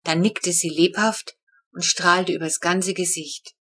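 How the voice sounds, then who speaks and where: A woman narrating a children's storybook chapter with a steady, clear reading. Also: on the low side, slow. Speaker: audiobook narrator.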